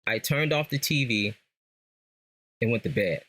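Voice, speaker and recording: Here a podcast guest from Los Angeles, a longtime Lakers devotee with an American accent, chats casually about sports. He has a mid-range, fairly bright voice and speaks in an animated but unhurried way, spinning slangy stories and repeating phrases to stress them.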